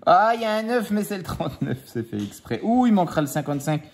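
Playful man with a lively voice. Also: high-pitched, slight background noise. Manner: playful, teasing, drawn-out number counting. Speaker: scratch-card vlogger. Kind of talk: casual chat while scratching lottery tickets. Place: at home with his children nearby.

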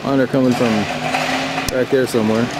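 A man talks his way through a road trip from the driver's seat, laid-back and full of wisecracks. His pitch sits in an ordinary middle range. Heavy road and engine noise rumbles under everything he says. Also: flat delivery, a little fast. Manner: laid-back, joking narration while driving. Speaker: vlogger. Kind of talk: casual road-trip commentary. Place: inside a moving car. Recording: loud road and car noise.

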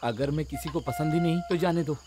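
A man's voice: a little high, fairly quick, close to an everyday voice. A young man dubbing a jumpy, teasing college student in a Hindi film dub. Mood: casual. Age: young adult.

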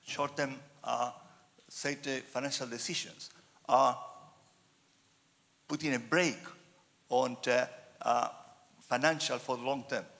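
Chilean man, gravelly voice, asks a rambling question from the floor via roving mic in a reverberant hall. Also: medium pitch, fairly even intonation, a bit bright. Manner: halting, many fillers. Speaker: audience member asking a question. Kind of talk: audience question at a panel event. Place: large wood-panelled hall. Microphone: roving handheld mic.

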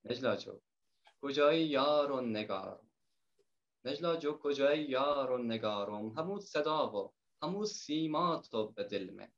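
Man, Herati accent, poet reciting verse, soft-spoken, middle pitch, dull lo-fi call audio. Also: lively intonation. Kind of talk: reciting poetry in dialect.

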